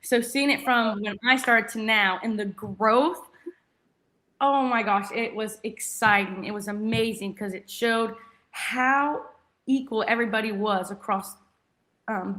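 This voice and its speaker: Unhurried and fairly even in intonation, a young American woman from Texas talks effusively about herself as an interview guest, a former college soccer player. Her mid-range voice is fairly bright, with slight background noise.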